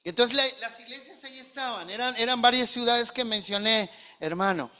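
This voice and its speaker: Pastor, male, bright forceful tone, earnest preaching style. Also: very high-pitched, normal speed. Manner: earnest, questioning, addresses listeners as brothers. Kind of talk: sermon.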